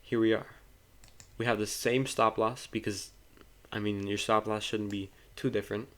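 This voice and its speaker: A man's voice: fairly low pitch, fairly even intonation, moderate pace, a bit bright. A man giving a casual screen-share trading lesson, talking loosely, often restarting and correcting himself, and speaking to viewers informally. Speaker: trading tutor.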